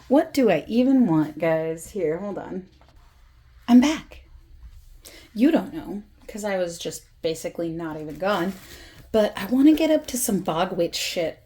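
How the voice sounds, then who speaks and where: A woman speaks softly into a close mic, lingering over each thought at a slow, easy pace. Her voice sits a little low and mellow. She rambles with giggly, self-deprecating asides. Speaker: makeup vlogger. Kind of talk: soft-spoken casual chat.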